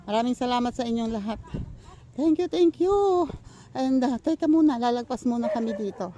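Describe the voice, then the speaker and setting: A woman's voice: fairly high pitch, animated, normal speed, mellow, slight background noise. An older woman vlogging outdoors in the countryside, out of breath from walking and rambling with fillers as she thanks her supporters. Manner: rambling, many fillers and restarts while walking. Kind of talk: casual vlog thank-yous and chat.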